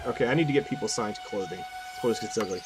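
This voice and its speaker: Over game music and effects, a gaming video host in a let's play thinks aloud in a casual, self-deprecating way. His voice is fairly low and very fast.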